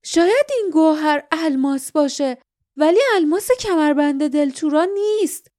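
A woman voicing a hot-tempered young male hero who shouts accusations in an audiobook. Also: sits high, no room sound, studio quality, voice pushed up, lightly acted. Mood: angry.

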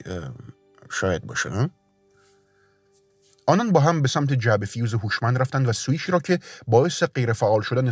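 A man with a husky voice reading a story aloud as its narrator, raising his pitch when he voices the children and the wife. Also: no room sound, clean studio sound. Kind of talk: scripted narration with acted dialogue. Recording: soft background music.

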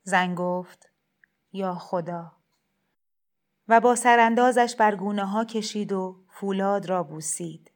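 A woman narrating a literary short story in a calm, measured reading. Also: medium pitch.

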